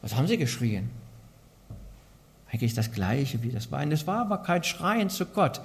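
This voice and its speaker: A man's voice: medium pitch, sing-song, normal speed. A man preaching a sermon in an earnest way, asking the congregation many rhetorical questions. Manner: earnest, asks rhetorical questions, varies loudness a lot.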